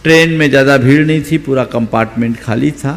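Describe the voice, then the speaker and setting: A man's voice: medium pitch, brisk, long reverb tail. A man, a Jain monk, giving an emphatic, exhorting sermon that rises sharply for stress.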